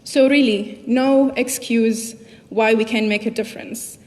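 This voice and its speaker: At a youth summit's large indoor hall, a young adult woman from Tunisia delivers a motivational keynote in a Tunisian accent, speaking straight to her listeners. Her fairly high, darkish voice keeps fairly even intonation and moves a little slowly. Long reverb, echo, and background noise fill the recording.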